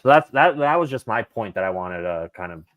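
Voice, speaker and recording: A man's voice: on the low side, animated, fairly quick, a bit bright, no room sound. A man co-hosts a football podcast and lays out his view as he thinks, stumbling over and repeating words. His voice is dry and close to the mic. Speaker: podcast co-host. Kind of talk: casual football podcast chat.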